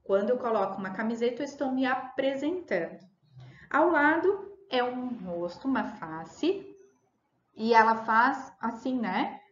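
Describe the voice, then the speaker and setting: A woman's voice: on the high side, animated, measured pace. A woman teaching a remote lesson, explaining patiently and repeating key words with fillers. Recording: roomy, dull lo-fi audio.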